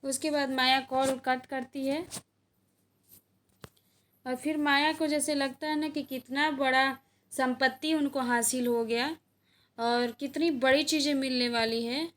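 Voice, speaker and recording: A woman's voice: sits high, steady tone, measured pace, a bit bright. A woman casually retelling a TV serial episode in a chatty way, pointing at scenes as she goes. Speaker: TV serial recap narrator.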